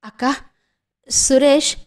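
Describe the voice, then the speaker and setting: Woman doing a heartbroken young sister, teary, pleading, stammery, pitched up. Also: little pitch movement, slow pace, a little mellow. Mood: tearful. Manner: tearful, pleading, stammering repeats.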